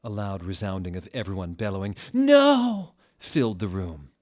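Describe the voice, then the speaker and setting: Reading a story aloud a little quickly, a low-voiced man takes a mock-dramatic approach, swinging from dry deadpan to sudden theatrical bursts. The whole performance sounds deliberately staged.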